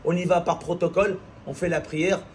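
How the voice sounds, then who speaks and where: A preacher gives an impassioned sermon in a high voice, a little fast and with fairly even intonation. He drives his points home through repetition and rhetorical questions, acting out short scenes as he goes. Faint noise sits in the background.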